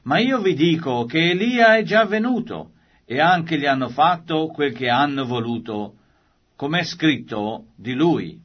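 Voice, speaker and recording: A man reading the words of Jesus in a solemn, measured way, as a grave and authoritative teacher. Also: on the high side, animated. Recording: slightly dull lo-fi recording.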